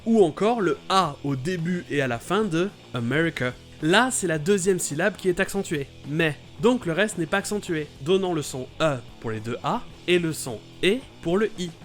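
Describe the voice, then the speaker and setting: A man hosting a playful scripted explainer about English vowel sounds, talking with lively enthusiasm. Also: fairly high pitch, normal speed, soft background music. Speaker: YouTube host explaining English pronunciation.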